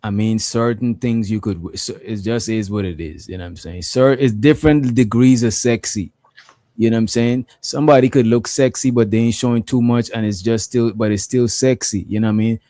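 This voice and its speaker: A man's voice: fairly low pitch, fairly even intonation, fairly quick, mellow, no room sound. A man and pastor co-hosting a casual podcast chat, talking bluntly in loose slang, full of profanity and "you know what I mean".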